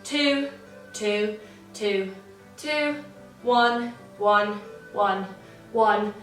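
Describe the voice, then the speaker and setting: Young female dance teacher, high and bright, slightly out of breath, distant in a roomy space. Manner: encouraging, counts beats aloud. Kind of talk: online dance warm-up class. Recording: echoey room, distant from mic, faint music.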